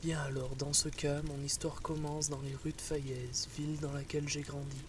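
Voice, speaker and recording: A man voicing a friendly, gently mocking reptilian adventurer in a fantasy story, with a soft, sibilant hiss and a calm, courteous manner. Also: on the high side, normal speed, lightly acted. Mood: nostalgic. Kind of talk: fantasy audio story character acting.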